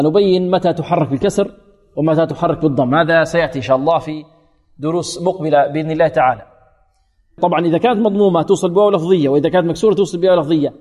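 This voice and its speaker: A man teaching Quran recitation, quizzing his students with questions and chanting verses slowly to show the rules. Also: fairly high pitch, darkish tone, long reverb tail. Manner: asks the class rhetorical questions and then answers them.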